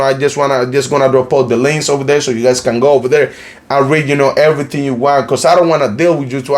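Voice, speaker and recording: Talking casually on his YouTube news channel's commentary vlog, a fairly high-voiced man from Cartagena, Colombia, with a Colombian Spanish accent, rambles a lot. "You know, like" crops up constantly, and he often starts over.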